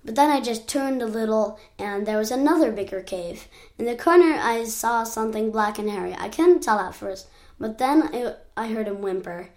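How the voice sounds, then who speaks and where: A woman's voice: a little high, lively intonation, normal speed, darkish tone. A woman voicing a chatty eight-year-old child who keeps correcting itself while telling an adventure. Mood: anxious. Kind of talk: storybook narration.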